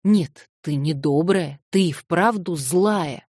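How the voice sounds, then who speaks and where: Reading an audiobook in a low-pitched voice at a measured pace, a woman portrays a distraught young orphan girl who sobs, shouts, and insistently refuses. The mood is one of tearful defiance, and the recording is dry with studio quality.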